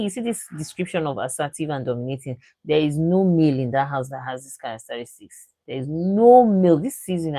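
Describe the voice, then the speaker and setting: A woman's voice: low voice, a little mellow, dry recording. A Nigerian woman giving opinionated, casual commentary on a reality show, slipping into pidgin now and then. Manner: chatty, opinionated, slips into pidgin.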